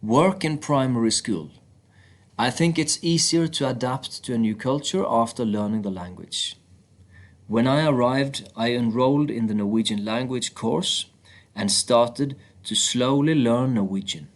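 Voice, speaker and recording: A man reading first-person passages aloud from a book in a steady, plain manner. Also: mid-range voice, unhurried.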